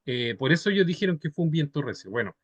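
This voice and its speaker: Man teaching, fairly high voice. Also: sing-song, fast talker, husky, no echo, dull audio. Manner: ends phrases with checking tags, patient and conversational. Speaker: Bible study teacher. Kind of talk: explanatory Bible study teaching.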